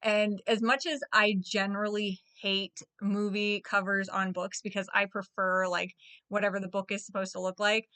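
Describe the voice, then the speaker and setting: Bright, crisp-voiced woman in her thirties. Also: mid-range voice, flat delivery, moderate pace. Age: 30s. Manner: chatty, gushing, full of fillers. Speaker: book vlogger. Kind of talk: casual book chat.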